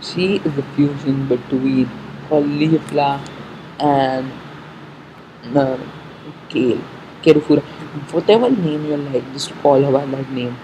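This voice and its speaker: In a muffled recording with faint background noise, a fan with a mid-range voice gives casual commentary on an episode preview, thinking aloud haltingly and repeating and correcting themselves.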